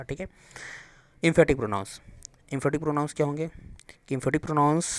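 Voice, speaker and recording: A man teaching English grammar in Hindi, asking and answering his own questions and reading English examples slowly with an Indian accent. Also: mid-range voice, darkish tone, no echo. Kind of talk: classroom explanation.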